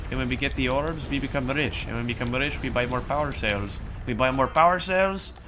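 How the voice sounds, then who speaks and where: Man doing silly made-up accent, pompous, booming declarations, gaming commentary, game music behind. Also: natural voice.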